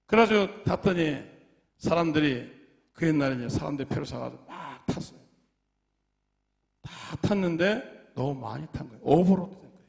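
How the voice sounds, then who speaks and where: A man preaching a sermon in a church, telling stories in an animated way with dramatic swings in loudness. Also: a little high, moderate pace, creaky, long pauses. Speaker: pastor. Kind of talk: storytelling sermon.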